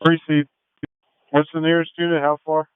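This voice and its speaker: A man's voice: a little high, flat delivery, normal speed, noisy background. A man working as a police dispatcher, giving terse radio updates in a matter-of-fact, procedural way over a two-way radio. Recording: thin, narrow-band police radio channel.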